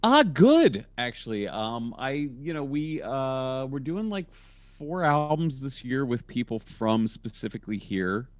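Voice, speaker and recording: A man chatting over a video call about his comedy work, jumping up in pitch whenever he quotes people in his stories. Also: a little slow, no room sound. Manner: animated storyteller with sudden pitch jumps when quoting people. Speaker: comedian and comedy label engineer. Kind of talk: casual video-call podcast chat. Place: home in a college town.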